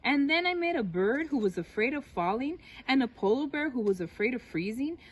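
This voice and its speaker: An anxious little turtle boy acted out by a woman from a storybook. He speaks politely and earnestly, pleading in simple phrases, with a pitch that moves up and down a great deal. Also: animated, a little fast, slightly rough. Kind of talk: read-aloud children's picture book.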